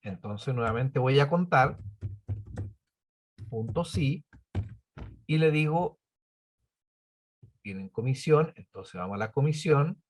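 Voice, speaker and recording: A man's voice: medium pitch, lively intonation, slow, pauses often. A man teaching a spreadsheet lesson, patiently explaining formulas step by step and counting items aloud. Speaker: computing teacher.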